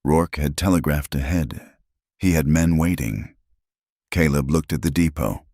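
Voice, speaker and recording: Very deep male audiobook narrator. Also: darkish tone, no room sound, clean studio sound. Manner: measured, dramatic.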